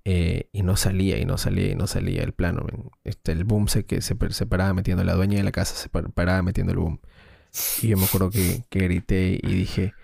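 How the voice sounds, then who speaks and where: Male podcast co-host, very low and gravelly, rambling storyteller, dry close sound. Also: flat delivery, brisk, a little mellow, no room sound. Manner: rambling storyteller with slang and restarts. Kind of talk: casual chat.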